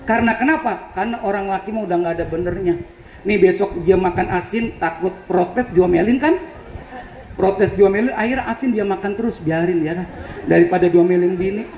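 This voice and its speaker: Joking preacher in an echoing hall. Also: male voice, sits high, fairly quick, a little mellow, highs cut off, slight background noise. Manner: joking, storytelling, teasing. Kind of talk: humorous sermon. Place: event hall on a campus. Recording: echoey hall with faint crowd.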